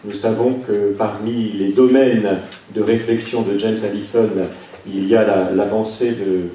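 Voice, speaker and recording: Low, mellow man in a very echoey room. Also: fairly even intonation. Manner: halting, hesitant, repeats words, courteous formal phrasing. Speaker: session chair, faculty dean. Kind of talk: formal spoken introduction. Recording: very echoey room, distant mic, faint noise.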